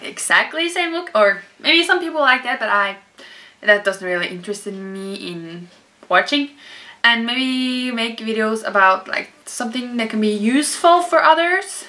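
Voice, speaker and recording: A woman's voice: fairly high pitch, bright, forceful tone. A young Norwegian woman with a Norwegian accent, answering viewer questions in a chatty, rambling vlog full of fillers and restarts. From Norway. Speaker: YouTuber. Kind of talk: casual vlog Q&A.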